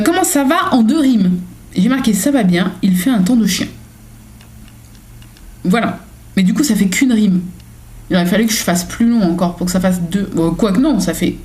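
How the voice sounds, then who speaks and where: A woman's voice: a little high, a little mellow, a little hiss or hum. A young woman chatting casually on her home vlog, reading daily journal questions and answering them with lots of fillers and self-mocking asides. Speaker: vlogger.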